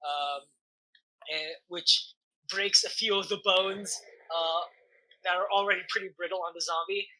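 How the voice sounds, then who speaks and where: A woman runs a tabletop game as game master, narrating in a slow, halting, improvised way. Her voice is very bright and forceful, sitting a little low for a woman. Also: steady tone, a little hiss or hum, poor audio. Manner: halting, deliberate storytelling.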